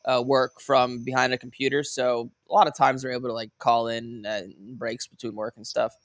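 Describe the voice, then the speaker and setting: A man's voice: mid-range voice, little pitch movement, dry recording, clean studio sound. A man hosting a call-in show, chatting casually and informally with callers, often restarting his sentences. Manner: halting, informal, with repeated false starts. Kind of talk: casual unscripted chat with callers.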